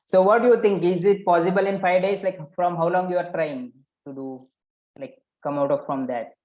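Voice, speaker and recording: A man's voice: high-pitched, fairly even intonation, normal speed, dull audio. A man leading a live online coaching session, probing participants and repeating their answers back to them. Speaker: workshop coach. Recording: roomy echo.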